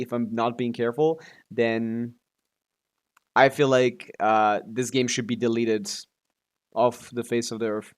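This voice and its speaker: While livestreaming a game, a man rambles casually to his viewers. He complains constantly and swears freely, speaking at a medium pitch.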